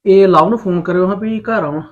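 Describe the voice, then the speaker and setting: A man's voice: high-pitched, brisk, dull audio. A man with a Punjabi accent playing a visiting relative in a family drama, talking in a pleading, reasonable way.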